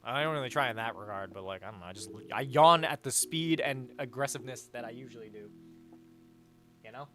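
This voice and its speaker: A man's voice: mid-range voice, fairly quick, fairly bright tone, faint music behind. A man streaming a game live, chatting crudely and joking with his chat, reading donations aloud. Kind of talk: casual live-stream chat while gaming. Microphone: headset mic.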